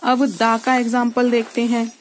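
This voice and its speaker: A woman's voice: a little high, completely flat delivery, normal speed, slight background noise. A woman English teacher explaining grammar rules step by step, asking her students questions as she writes on a board. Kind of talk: classroom grammar lesson.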